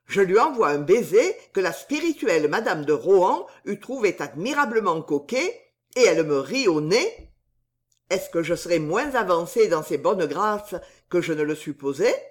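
A woman's voice: lowish voice, sing-song, moderate pace. A woman voicing a gallant, flowery young male poet in a spoken storybook, with grand, pleading declarations.

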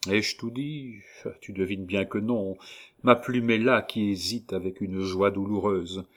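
Heartbroken young man, low, sorrowful and tender, read by the narrator. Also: fairly even intonation, measured pace, close to an everyday voice. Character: despairing young man in love.

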